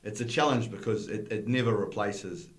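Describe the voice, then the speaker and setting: A middle-aged man hosting a podcast interview, chatty and quick to agree. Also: fairly low pitch. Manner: chatty, lots of agreeing "yeah"s. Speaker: podcast host. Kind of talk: casual interview chat. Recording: roomy echo.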